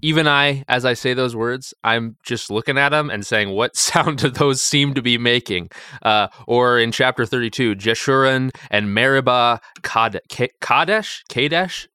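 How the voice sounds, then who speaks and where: A man who is a vicar, co-hosting a casual Bible study podcast and thinking aloud with restarts and quick asides. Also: mid-range voice, bright, forceful tone, clear, resonant tone, no room sound, studio quality.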